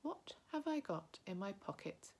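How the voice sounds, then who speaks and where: A woman's voice: mid-range voice, sing-song, measured pace, a little mellow, husky, pitched above the performer's own voice, full character voice. A woman doing a nervy, bold-sounding hobbit. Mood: puzzled. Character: small male hobbit, nervous but trying to sound bold.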